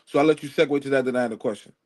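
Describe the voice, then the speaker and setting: A man's voice: mid-range voice, a little mellow. A man who joins a live online panel as a guest and argues his side, cutting in often and apologizing along the way. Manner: quick to interject, apologetic, then argumentative. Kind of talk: casual debate on a live panel.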